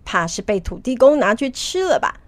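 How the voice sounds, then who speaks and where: A cocky, commanding monkey king from a children's story, as a woman puts him on, booming out boasts and orders. The voice leaps around in pitch, and it sits close and dry. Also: big pitch swings, normal speed, dry recording. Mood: boastful.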